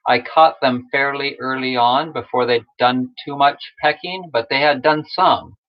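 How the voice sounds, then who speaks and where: Chatty rambling man, lo-fi stream sound. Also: mid-range voice. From Utah. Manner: rambling, chatty, laughs at himself. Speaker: massage tool maker and live-stream host. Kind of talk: casual live-stream chat. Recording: dull lo-fi stream audio.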